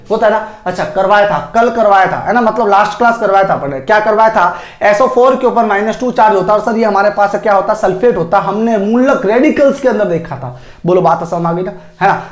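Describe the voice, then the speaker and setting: A man teaching chemistry in Hindi as a lecture, constantly asking questions and answering them himself, with homely analogies and calling his students "sir". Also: high-pitched. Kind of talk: classroom lecture. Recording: echoey room.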